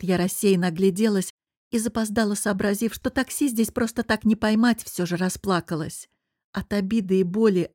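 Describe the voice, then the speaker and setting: A woman narrating a first-person novel as an audiobook, with expressive, emotional storytelling. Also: medium pitch, no echo, clean studio sound.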